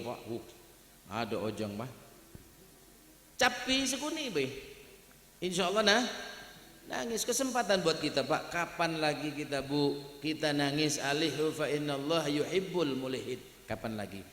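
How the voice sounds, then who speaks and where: A man's voice: on the high side, a bit bright. A man preaching a humorous sermon at a wedding gathering, chatting and joking directly with the crowd. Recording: echoey hall with long reverb.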